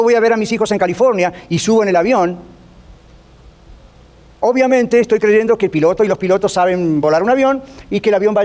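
Man, high voice, radio preacher, chatty storytelling sermon, playful asides, sprinkles in english words. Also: darkish tone. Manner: mixes in English phrases.

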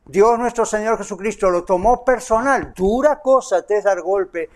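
Preacher, male, high voice, emphatic sermon delivery, direct address to listeners. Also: moderate pace. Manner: emphatic preaching, speaks as God in quoted lines. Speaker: pastor. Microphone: broadcast on radio and online.

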